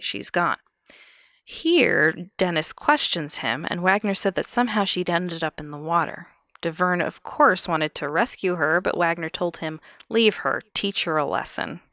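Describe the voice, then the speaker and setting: A woman's voice: lowish voice, a bit bright, no echo, clean studio sound. A woman hosting a podcast, recounting a true-crime case with wry, chuckling asides. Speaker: podcast host.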